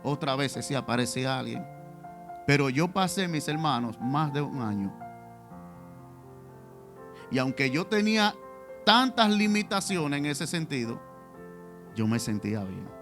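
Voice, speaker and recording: A man's voice: medium pitch, sing-song, a little slow, long pauses, over music. A man preaching a testimonial sermon in church, speaking directly to the congregation with rhetorical questions. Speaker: pastor.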